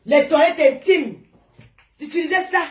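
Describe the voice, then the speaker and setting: A woman's voice: very high-pitched, a little slow, a little mellow, slight background noise. A woman streaming live from home on her phone, chatting with followers, showing items to the camera and scolding viewers who comment. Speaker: social media influencer.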